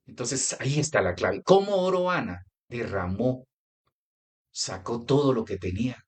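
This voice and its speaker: Animated conversational pastor, Colombian. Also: male voice, mid-range voice, normal speed, breathy edge. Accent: Colombian Spanish. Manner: conversational preaching with anecdotes and direct address. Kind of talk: sermon.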